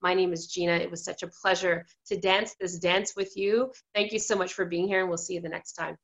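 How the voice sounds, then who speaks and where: A woman's voice: fairly low pitch, steady tone, fairly quick, fairly bright tone. A woman hosting an online interview, praising her guest effusively. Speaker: host. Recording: dull lo-fi sound.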